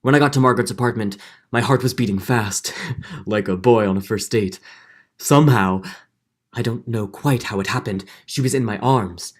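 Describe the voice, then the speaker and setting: Playing a middle-aged judge weighed down by guilt, a man delivers earnest, hesitant first-person narration in a dramatic 1940s radio style. The mood is brooding and confessional, his voice lowish and everyday-sounding at a moderate pace.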